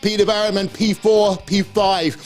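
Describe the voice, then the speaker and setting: High-voiced British esports presenter. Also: male voice, fairly even intonation, moderate pace, soft background music. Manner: upbeat, reads out results and links to interviews. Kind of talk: post-race studio presenting.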